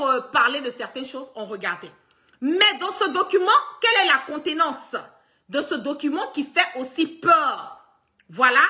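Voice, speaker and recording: A woman's voice: high-pitched, bright, forceful tone. A woman talking casually to her followers in a video, emphatic and insistent, often stopping to restart and filling gaps with small filler words. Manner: heavy use of fillers and restarts. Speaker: online political commentator.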